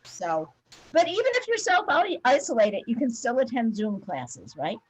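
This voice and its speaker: A woman math teacher chatting briskly and warmly with her students on a video call, with lots of fillers. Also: fairly high pitch, wildly swooping pitch, slightly rough, rough recording. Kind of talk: casual talk with students after class.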